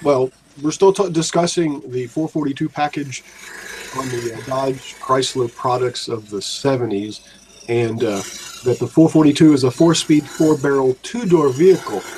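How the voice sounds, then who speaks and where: A man's voice: mid-range voice, normal speed, darkish tone, a little hiss or hum, rough recording. A man chatting casually as a livestream co-host relaying comments from viewers. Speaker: livestream co-host reading chat. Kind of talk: casual chat.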